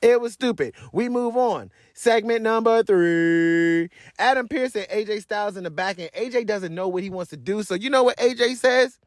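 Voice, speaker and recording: A man's voice: high voice, expressive, a little fast, few pauses, no room sound, studio quality. A man hosting a wrestling review show, ranting bluntly and swearing freely in casual, slangy talk with rambling asides. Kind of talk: casual profane rant.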